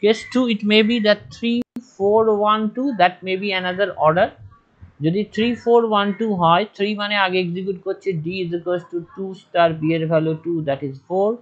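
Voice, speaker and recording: A male teacher giving an online class, walking methodically through each case aloud, while his audio keeps breaking up and cutting out. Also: high-pitched. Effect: choppy online audio that keeps cutting out. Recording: dull lo-fi internet audio.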